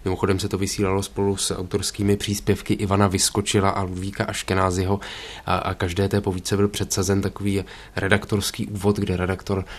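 A man's voice: low-pitched, monotone, few pauses. A man presenting a cultural radio discussion, talking hesitantly with many fillers.

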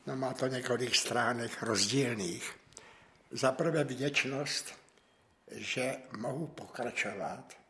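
A man in his nineties answers questions on the radio in a reflective, slightly hesitant way. His voice has a bright tone at a middle pitch. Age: 90s. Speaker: guest. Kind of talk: radio interview.

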